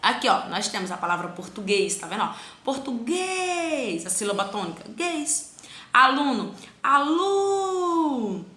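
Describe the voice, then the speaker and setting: A woman teaching a children's grammar lesson, stretching syllables slowly to show stress and asking herself the pupils' questions. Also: mid-range voice, expressive, pushed and bright, reverberant.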